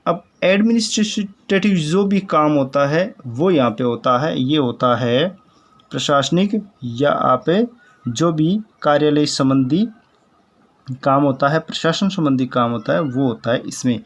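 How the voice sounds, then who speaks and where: A man gives an English pronunciation lesson in Hindi at an unhurried, deliberate pace. His voice sits a little high for a man. He spells words letter by letter and repeats them patiently, calling his viewers friends. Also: lively intonation. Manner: addresses viewers as friends, explanatory. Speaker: English teacher.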